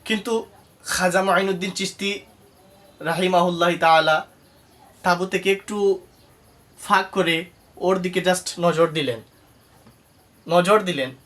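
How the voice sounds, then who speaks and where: A male Islamic preacher from Bangladesh tells a sermon story with emphatic, rising delivery. His voice sits a little high. He breaks off now and then into soft, murmured Arabic praises. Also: takes it slowly, pauses often.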